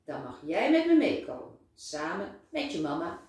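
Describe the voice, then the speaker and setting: A woman's voice: fairly low pitch, wildly swooping pitch, normal speed, a little mellow. A woman voicing a friendly male doctor who jokes playfully with a small child in a storybook reading. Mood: kind, teasing. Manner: playful, teasing. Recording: very echoey room, voice far from mic.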